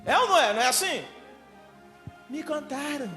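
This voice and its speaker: A Brazilian man preaches as pastor in a very high, bright voice that swings all over the place. He tells his story with forceful emphasis and sometimes rises to a shout. The church hall gives a long echo, with faint music behind him. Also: moderate pace. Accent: Brazilian Portuguese. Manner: emphatic and animated, builds to shouting. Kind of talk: sermon told as a personal story.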